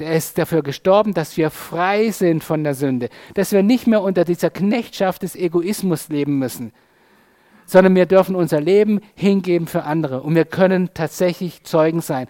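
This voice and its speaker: Man, preacher, casual conversational sermon, tag questions, fairly high voice. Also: mellow.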